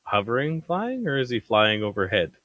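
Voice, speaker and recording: A man's voice: medium pitch, very animated, normal speed, a bit bright, no echo. Casual man at the game, dry sound. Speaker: tabletop game player. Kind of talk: casual chat and in-game questions.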